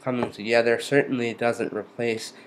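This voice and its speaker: A man giving a casual, hesitant update, his articulation slightly impeded by a numb lower jaw and lip after jaw surgery. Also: steady tone. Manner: halting, hesitant delivery. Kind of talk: casual unscripted update talk. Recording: noticeable background noise, room ambience.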